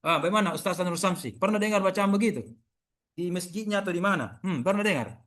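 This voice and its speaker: A man from the region lecturing over a video call. He talks in a lively way, repeats examples and keeps asking his listeners to agree. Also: sits high, fast talker. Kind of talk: online university lecture.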